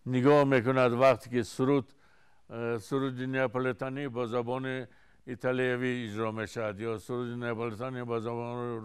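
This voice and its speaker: A Tajik-accented man in his seventies, a singer from Tajikistan, telling stories in an unhurried way with frequent restarts during an interview. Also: medium pitch, clear, resonant tone. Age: 70s.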